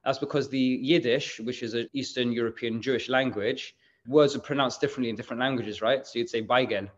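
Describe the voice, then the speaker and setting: A man's voice: medium pitch, fairly even intonation, fairly quick. Guy chatting in an interview, lots of "like" and "you know", bit muffled sound. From England. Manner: chatty, rambling explanations with many fillers. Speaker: bakery managing director. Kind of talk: casual interview answers.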